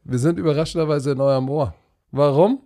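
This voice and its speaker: A man's voice: a little high, fairly quick, mellow. Casual male podcast host.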